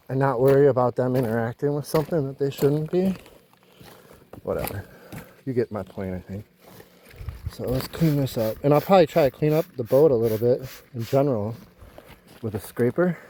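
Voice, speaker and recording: A man's voice: medium pitch, warm tone, a little hiss or hum. A man casually narrating his vlog outdoors on a houseboat, explaining a repair while he works. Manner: easygoing, explains while working with his hands. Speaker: vlogger.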